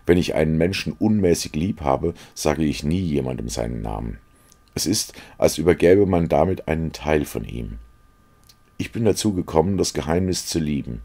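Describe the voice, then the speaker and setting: A man's voice: very deep voice, animated, moderate pace, gravelly, mellow, full character voice. A man reading aloud as an earnest, secretive young painter who confides and pleads. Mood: earnest, confiding.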